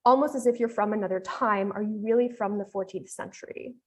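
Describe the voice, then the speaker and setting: A woman's voice: mid-range voice, a little fast, lightly acted. A woman with an American accent reading the lines of a cheerful, talkative male innkeeper from London in a friendly, welcoming tone.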